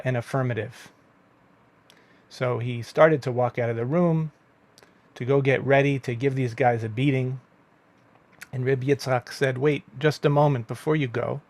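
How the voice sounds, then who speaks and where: A man, a rabbi and meditation teacher, telling a teaching story in a conversational way, with asides and fillers. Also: medium pitch. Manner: lively when voicing the story's characters.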